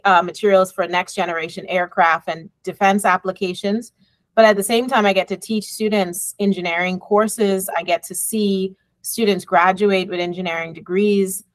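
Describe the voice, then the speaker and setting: A middle-aged Bahamian woman, an engineering professor who chairs her department, gives a reflective conference talk by video call from her office, which has bookshelves and a window. Her fairly low voice comes through a laptop webcam with no room sound, measured and full of ums and you knows.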